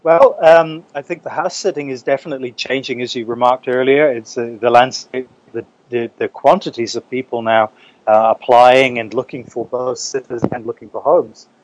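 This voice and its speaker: A man's voice: mid-range voice, fairly even intonation, normal speed, dull audio. A man from New Zealand talking casually as a guest in an interview. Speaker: interview guest, English teacher.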